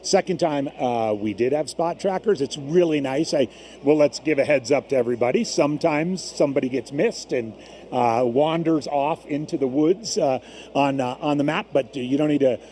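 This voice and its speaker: A man's voice: on the high side, normal speed, mellow. A man co-commentating conversationally on a live endurance race broadcast. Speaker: race co-commentator and former competitor. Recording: faint background noise from gym. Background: gym with runners gathering.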